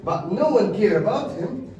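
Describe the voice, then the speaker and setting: High-voiced man guiding tourists, far off. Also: lively intonation, moderate pace, a crowd in the background. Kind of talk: explaining to tourists. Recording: distant roomy voice with music behind.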